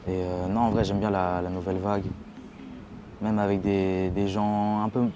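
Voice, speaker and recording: Hesitant young man, low voice, slangy. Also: little pitch movement, normal speed, warm tone, muffled recording, a little hiss or hum. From Rennes, France. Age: young adult. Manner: hesitant, many fillers and restarts, slangy. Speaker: young rapper guest. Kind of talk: casual interview chat.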